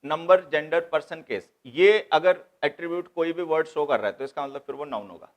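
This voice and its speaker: ऊँची आवाज़ वाला व्याकरण शिक्षक. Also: male voice, a little high, fairly quick. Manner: explains step by step, repeats key points, mixes English terms into Hindi. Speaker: English grammar teacher. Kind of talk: classroom lecture.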